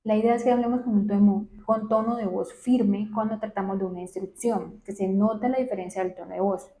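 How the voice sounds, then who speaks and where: Soft-voiced woman psychologist explaining calmly. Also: a little fast. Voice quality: soft, low voice. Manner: explanatory, checks in often with short tag questions. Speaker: child psychologist. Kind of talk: educational talk to camera. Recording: roomy echo.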